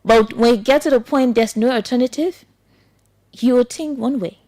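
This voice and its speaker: Liberian woman, radio host, earnest commentary, slightly high voice. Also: normal speed, dark tone. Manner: earnest, repetitive, pleading.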